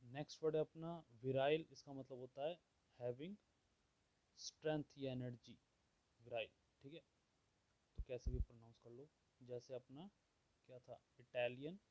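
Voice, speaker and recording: A man teaching vocabulary, explaining words and listing their opposites at a steady pace, often checking in with "theek hai". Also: mid-range voice, rough recording. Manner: slow and measured, repeats "theek hai" often. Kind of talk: explaining word meanings.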